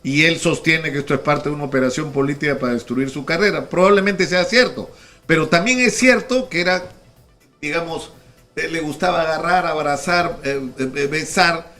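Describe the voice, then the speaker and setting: Brief: male radio host, somewhat high voice, chatty questioning, frequent restarts. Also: moderate pace, pushed and bright, faint music behind. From Peru. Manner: conversational, with many restarts and repeated words. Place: radio studio.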